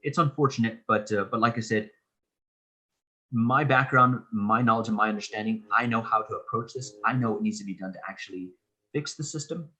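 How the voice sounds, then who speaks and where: A man in his thirties speaks as an interview guest, with a forceful, somewhat husky voice. He lays out his points earnestly and at length, often restarting mid-sentence. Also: fairly low pitch, brisk, poor audio. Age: 30s. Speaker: political candidate, interview guest. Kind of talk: casual interview talk.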